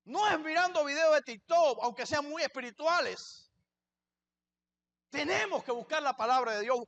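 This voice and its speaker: Male pastor, very high voice, preaching a sermon in church, asks questions and answers them himself. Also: animated, moderate pace, vocal fry, fairly bright tone.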